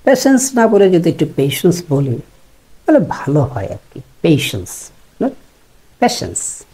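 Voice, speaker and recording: A man from Bangladesh teaching English pronunciation, repeating words slowly to contrast right and wrong forms. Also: high voice, very animated, mellow, husky, poor audio. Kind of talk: pronunciation lesson.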